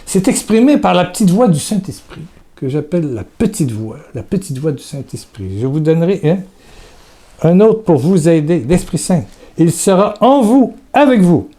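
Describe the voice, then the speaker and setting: Mellow-voiced man giving a hesitant devotional talk. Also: on the high side, big pitch swings, moderate pace. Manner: hesitant, repeats words, speaks intimately to the listener.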